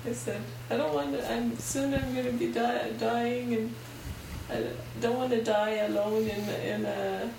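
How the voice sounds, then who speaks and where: High-voiced giggly woman in an echoey room. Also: steady tone, measured pace, creaky. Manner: giggly, self-deprecating, laughs often. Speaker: podcast guest. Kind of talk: casual podcast chat. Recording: echoey room, distant mic, noisy background.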